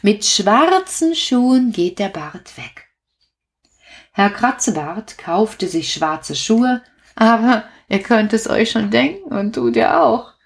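A woman reading a bedtime story aloud to children in a slow, gentle way. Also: a little high.

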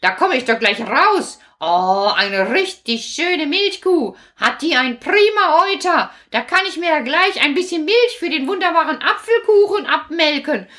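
A woman voicing a kind, fussy old grandmother who scolds gently in a children's story. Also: high voice, animated, unhurried, hardly any pauses, voice pushed up, exaggerated voice. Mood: delighted.

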